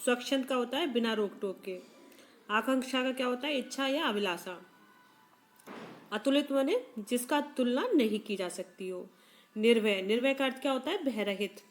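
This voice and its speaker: Lady teacher going through a poem line by line, pretty high voice, keeps asking the kids what words mean then answers herself. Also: normal speed, faint music behind. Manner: asks students questions and answers them herself; repeats and rephrases lines with small restarts. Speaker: Hindi teacher. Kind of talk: poem explanation lesson for students.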